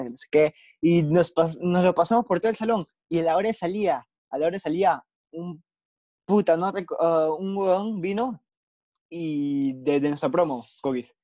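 A man's voice: on the high side, mellow, no room sound. A young man with a Peruvian Spanish accent telling rambling, slangy anecdotes in a casual chat.

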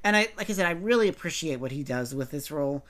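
A man's voice: on the high side, expressive, fast talker, fairly bright tone. A man from Appalachia co-hosting a podcast, chatting loosely about a TV show with many fillers and self-corrections. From Appalachia, United States. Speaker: podcast co-host. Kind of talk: casual chat about a TV show.

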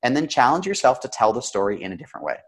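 A man who is slightly sick, coaching conversationally with examples in a practised storyteller's delivery, with emotion and deliberate pauses. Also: medium pitch, sing-song. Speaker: storytelling coach and interview guest.

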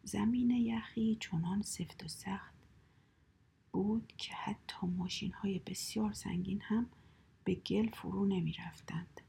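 A woman reading a children's story aloud in a soft, hushed whisper. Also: medium pitch, creaky, breathy edge.

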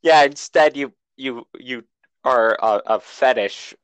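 A man's voice: mid-range voice, takes it slowly, clean tone, dry recording, rough recording. Male podcast co-host, loose rambly delivery with frequent stumbles and laughs, dry close sound. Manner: rambling, laughs often, stumbles over words. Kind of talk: casual banter.

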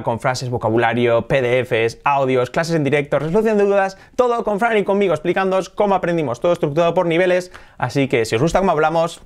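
A man teaching English pronunciation in an animated, playful way, exaggerating his demonstrations. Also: on the high side. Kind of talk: energetic online English lesson.

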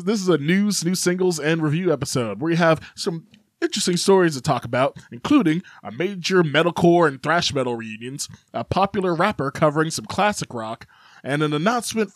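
A man's voice: fairly high pitch, expressive, fairly quick, no echo, studio quality. A young man from Chicago co-hosting a podcast in casual chat, rambling with lots of fillers and easy laughs. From Chicago, United States. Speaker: podcast co-host.

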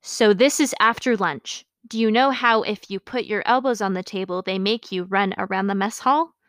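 A woman's voice: mid-range voice, normal speed, a bit bright, clear, resonant tone, no echo. Amused woman reading her old diary. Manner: amused, self-mocking asides between readings; laughs while reading. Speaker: podcast host. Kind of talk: reading her childhood journal aloud with commentary.

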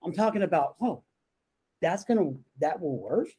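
A man's voice: fairly high pitch, very animated, normal speed, dark tone, husky. A man in his fifties co-hosting a podcast, talking in an emphatic, chatty way. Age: 50s. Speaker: podcast co-host. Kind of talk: casual podcast conversation.

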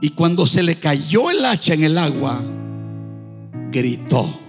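A male pastor preaching a sermon in a church, in a fervent, half-sung delivery that rises into shouts. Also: a little high, very animated, moderate pace, big-room sound, music in the background. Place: church sanctuary.

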